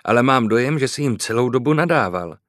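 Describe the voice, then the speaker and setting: A man voicing a jealous, hot-tempered young woman in an audiobook, sharp and accusing. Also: mid-range voice, animated, no room sound, studio quality, close to an everyday voice.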